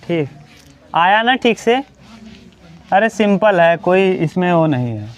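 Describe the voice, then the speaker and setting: A man teaching an English grammar class to students, talking straight to them and repeating each example slowly. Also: high-pitched, expressive.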